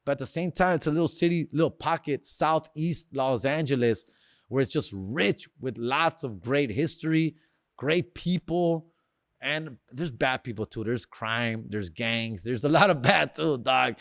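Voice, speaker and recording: Speaking at a measured pace in a mid-range voice, a man in his 40s hosts a podcast with a loose, slangy monologue. He drops words like bro, dog and fool and slips in Spanish phrases, with a clean studio recording and no echo.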